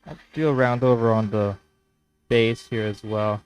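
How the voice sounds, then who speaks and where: Working on a woodworking build, a native Spanish speaker narrates his workshop vlog casually, thinking aloud and starting over hesitantly. The fairly low voice is smooth, a little slow, and fairly even in intonation, though the recording is rough.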